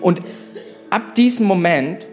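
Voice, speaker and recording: A man's voice: high voice, lively intonation, slow, darkish tone, faint music behind. A young man preaching a sermon in a church service, in a casual, direct way with frequent "hey" asides. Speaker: pastor.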